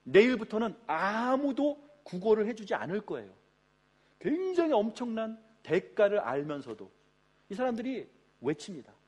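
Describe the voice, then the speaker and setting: Animated Korean-speaking male pastor preaching. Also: high voice, moderate pace, breathy edge. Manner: dramatic preaching, acting out quoted voices. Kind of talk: sermon. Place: church sanctuary.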